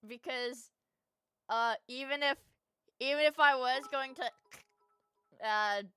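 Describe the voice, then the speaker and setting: A woman's voice: high voice, slow, bright, forceful tone, clear, resonant tone, no room sound, faint music behind. A young woman livestreamer chatting casually with her viewers in a cute anime-streamer manner, gushing and swearing freely.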